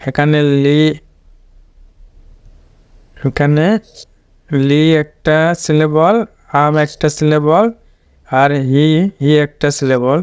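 Male English tutor, slightly high, smooth voice, patient and repetitive syllable drilling. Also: darkish tone, no echo. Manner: slow, repeats and drills words syllable by syllable. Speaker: English pronunciation teacher. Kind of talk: explaining a pronunciation lesson.

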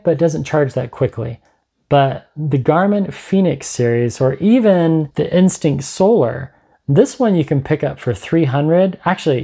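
Man chatting casually, soft mellow tone. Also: on the high side. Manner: chatty, thinking aloud. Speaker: vlogger reviewing fitness gadgets. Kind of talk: casual unscripted product review. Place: small home room, indoors.

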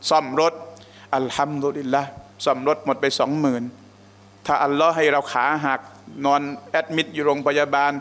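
A man's voice: a little high, fairly bright tone. A male religious teacher giving a lecture in a mosque, telling stories and often asking the audience questions in a conversational way. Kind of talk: sermon lecture with storytelling.

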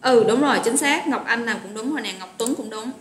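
A woman with a fairly high, brisk voice and a Southern Vietnamese accent teaches a live online English vocabulary class. She's chatty and encouraging, calling out students by name, in a roomy, echoey recording with faint noise.

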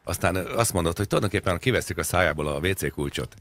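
A man with a deep, expressive and fairly bright voice co-hosts a radio talk show. He chats in a wry, rambling way, spinning absurd jokes full of hesitations in a comedic, casual exchange.

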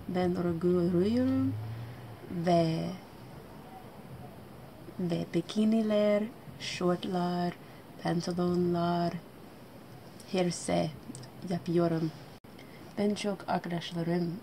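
A young American woman, a native English speaker, gives a casual vlog introduction in the halting, broken Turkish of a foreign learner. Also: lowish voice, a little hiss or hum, rough recording. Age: young adult. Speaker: student vlogger. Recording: loud music under the voice.

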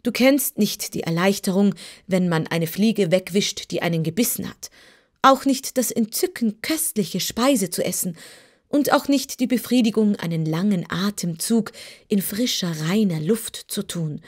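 A woman's voice: medium pitch, a little slow, a little mellow, natural voice. A woman voicing a proud, boastful male cab horse who lectures in a pompous way, in a storybook reading.

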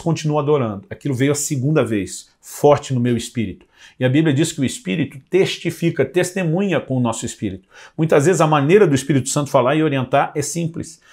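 Brazilian pastor telling a story in a sermon. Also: male voice, on the high side, creaky, a little mellow. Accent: Brazilian Portuguese. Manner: conversational, frequent tag question "né", acts out dialogue.

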